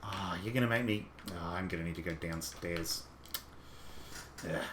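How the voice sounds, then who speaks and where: This low-voiced young Aussie streamer speaks at a normal speed, easygoing and rambling as he comments on his gameplay and talks with live viewers, sometimes just to himself. It's recorded in an echoey room with background noise.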